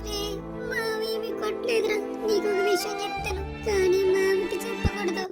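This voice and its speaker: This is a very high, squeaky cartoon boy, as a performer puts him on, mischievous yet anxious and close to tears. He frets and pleads in a whiny voice. Loud game music plays behind him the whole time. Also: steady tone, fairly quick. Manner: worried, whiny, tearful pleading.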